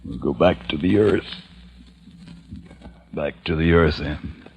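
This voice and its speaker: An actor playing a weary, resolute leader of plague survivors, speaking gravely and deliberately in old-time radio style. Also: male voice, rumbling low, a little mellow, full character voice. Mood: weary despair. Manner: grave, deliberate, solemn delivery. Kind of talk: old-time radio drama acting and narration. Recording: vintage radio drama with music behind.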